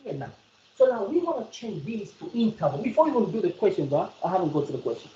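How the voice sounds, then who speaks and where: South African female maths tutor, lively coaxing delivery, muffled roomy recording. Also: mid-range voice, fast talker, a little hiss or hum. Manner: repetitive, coaxing, quizzes the student. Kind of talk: one-on-one maths lesson.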